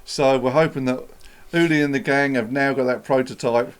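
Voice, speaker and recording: A man's voice: mid-range voice, fairly even intonation, moderate pace, clean tone. A man co-hosting a casual gear chat, explaining things steadily, with many ums. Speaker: co-host.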